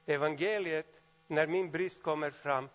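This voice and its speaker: A man preaching a sermon, swinging between loud exclamations and quiet asides. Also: on the high side, highs cut off, faint music behind.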